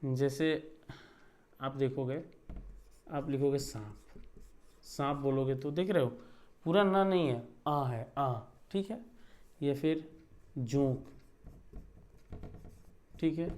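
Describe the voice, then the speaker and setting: A man's voice: on the high side, darkish tone. A man teaching a lesson, explaining step by step and checking in with his students as he writes. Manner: explains step by step, often asks ठीक है. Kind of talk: classroom lesson.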